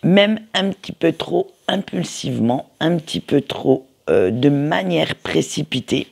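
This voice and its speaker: Gravelly man giving a hesitant tarot reading. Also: on the high side, animated, unhurried, darkish tone. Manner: hesitant, many fillers and restarts. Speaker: tarot card reader. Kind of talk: casual weekly tarot reading.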